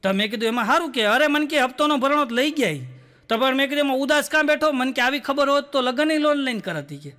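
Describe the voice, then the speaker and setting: A man's voice: very high voice, lively intonation, fast talker, bright, forceful tone. A man with a Gujarati accent telling stand-up jokes, acting out the characters in his stories and laughing through the punchlines. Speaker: stand-up comedian.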